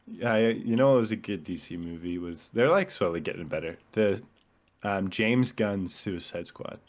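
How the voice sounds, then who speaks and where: Low-voiced man explaining films at length. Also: normal speed. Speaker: podcast co-host. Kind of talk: casual chat.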